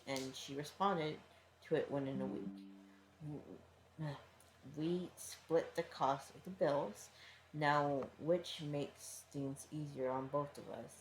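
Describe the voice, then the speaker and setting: A fan reading a first-person fanfiction aloud in a casual style, often tripping over words and breaking off for offhand asides. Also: medium pitch. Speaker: fanfiction reader. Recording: roomy with faint background noise.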